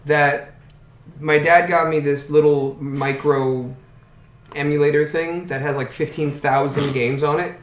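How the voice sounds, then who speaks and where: A man running a tabletop game as game master, talking casually, bluntly and with lots of swearing. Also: on the high side. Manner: profane, blunt, animated. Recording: echoey room with faint noise.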